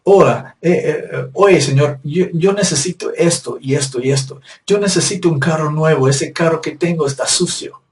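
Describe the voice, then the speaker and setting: A man imitating an impatient believer who prays in a hurried, pushy, overly familiar way. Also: on the high side, recorded from a distance, voice pushed up, lightly acted. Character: impatient believer demanding things in prayer.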